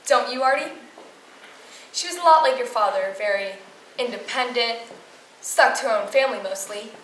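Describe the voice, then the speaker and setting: A woman's voice: a little high, a bit bright. A woman playing a guileless, chatty, kindly aunt consoling her nephews in a stage play. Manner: guileless, rambling. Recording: roomy, distant mic, clear noise.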